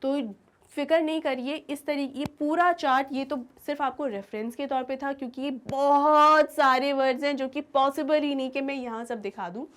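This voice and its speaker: A woman's voice: sits high, fairly even intonation, moderate pace, a bit bright. A woman teacher giving a grammar lesson, asking her students questions and answering them herself.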